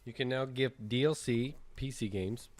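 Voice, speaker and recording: A man's voice: medium pitch, darkish tone. A man hosting a casual gaming podcast, reading out news and moving the show along. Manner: brisk, reads news items, steers the show. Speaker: podcast host.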